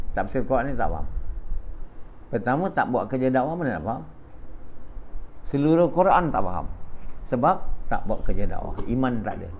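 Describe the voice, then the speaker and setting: Older male lecturer, Malaysian Malay accent, blunt and scolding, dull lo-fi recording with faint hiss. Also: medium pitch. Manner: blunt, scolding, calls on listeners by name. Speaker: religious lecturer. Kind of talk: after-dawn religious talk. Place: small prayer gathering indoors.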